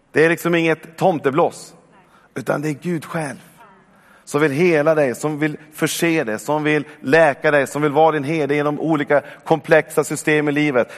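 A man in his forties delivers a sermon in a church hall. His voice carries a long reverb, and he keeps urging his listeners on with calls of "come on". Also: on the high side. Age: 40s. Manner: warm, exhortative, with repeated calls of "come on". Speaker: preacher.

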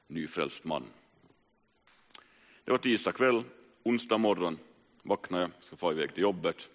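A man in his forties preaching a personal testimony sermon, telling his story earnestly with sudden rises and hushed drops. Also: deep voice. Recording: reverberant hall.

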